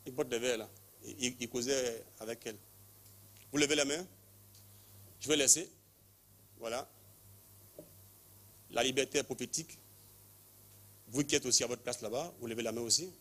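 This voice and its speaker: Man, lay preacher, commanding, repetitive, mid-pitched voice. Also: moderate pace, long pauses, fairly bright tone. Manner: commanding, repeats short phrases, calls people forward, leads call-and-response prayer. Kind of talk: charismatic healing service, prophetic calling.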